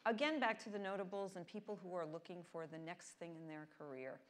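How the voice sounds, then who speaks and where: A woman's voice: on the low side, fast. A woman interviewing a guest on stage, upbeat and direct with her questions. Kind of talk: onstage interview.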